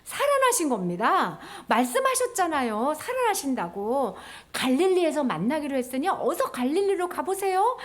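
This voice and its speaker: A woman voicing a calm, reassuring angel messenger who speaks slowly in a Bible story for children. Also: high voice.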